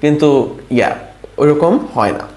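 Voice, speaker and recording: A man teaching English phonics in an informal online lesson, sounding words out slowly syllable by syllable and often checking "right?". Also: a little high, animated, a little mellow, roomy sound.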